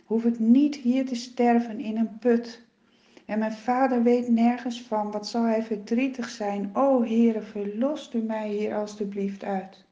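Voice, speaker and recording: A woman voicing a frightened young man praying softly and pleadingly from the bottom of a pit, in a storybook reading. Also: a little high, level tone, unhurried, lightly acted. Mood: pleading prayer. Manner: soft, pleading, hushed. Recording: roomy, dull lo-fi sound.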